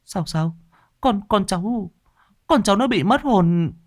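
A man's voice: sits high, animated, a little slow, pitched above the performer's own voice. A man voicing a timid, frightened village father who stammers and pleads.

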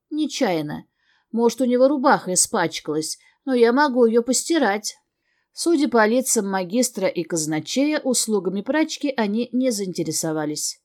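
A woman narrating a first-person fantasy audiobook in a wry, expressive way. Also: fairly high pitch. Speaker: audiobook reader.

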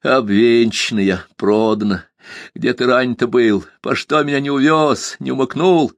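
A man's voice: mid-range voice, measured pace, dry recording, close to an everyday voice. A man reading an audiobook, voicing a tearful young village woman who pleads and cries out. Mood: grieving. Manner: pleading, sobbing, rising to cries.

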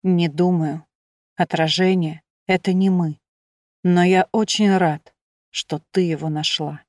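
A woman voicing a calm, loving husband who speaks softly and earnestly. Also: fairly low pitch, unhurried, dry recording, clean studio sound, natural voice. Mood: tender. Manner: soft, earnest.

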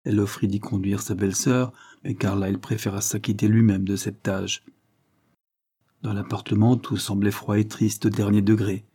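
A man narrating a novel in a measured, even storytelling manner. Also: on the low side, slightly rough. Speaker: audiobook narrator.

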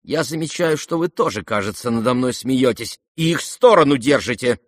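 A man reading aloud voices a proud, irritable young noblewoman who speaks sharply and with indignation, raising his pitch above his own yet staying close to an everyday voice. The overall pitch is medium with lively intonation at a normal speed, in a clean studio recording with no room sound.

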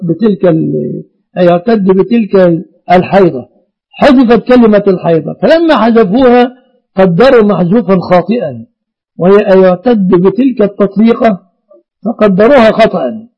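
A man's voice: sits high, dull audio. A man, a sheikh who answers callers' religious questions in a didactic, emphatic way and checks that the listener is following. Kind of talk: call-in religious Q&A.

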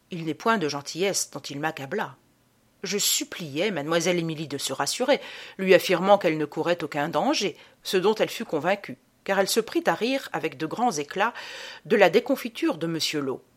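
A woman reading a jaunty Parisian storyteller. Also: fairly low pitch. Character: Parisian man telling a roguish tale. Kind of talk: audiobook reading.

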